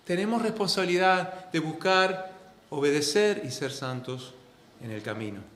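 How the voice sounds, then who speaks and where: A male pastor from delivers a sermon in a somewhat high voice. He preaches earnestly, repeating key phrases, rising to loud stresses and dropping to quiet asides. The sound rings with the echo of a church hall. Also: animated, normal speed. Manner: swings between loud stresses and soft, low asides. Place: church sanctuary.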